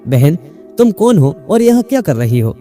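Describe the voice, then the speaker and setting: A man's voice: fairly high pitch, very animated, dark tone, faint music behind. A man voicing a timid, flustered old mullah who stammers when he is scared.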